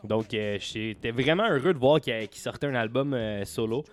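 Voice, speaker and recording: A man with a Quebec French accent, co-hosting a music podcast, enthusiastic but halting and quick to laugh. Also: mid-range voice. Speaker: podcast co-host. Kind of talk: casual music chat.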